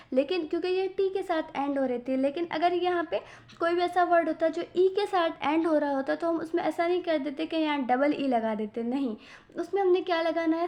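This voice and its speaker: A woman teaching a grammar lesson to students, asking questions and answering them herself, with English terms mixed into her explanation. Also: sits high.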